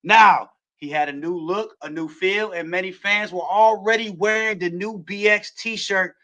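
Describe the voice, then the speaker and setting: A man hosting a wrestling show, recapping a match play by play and building to shouts at the near-falls. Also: sits high, a little slow.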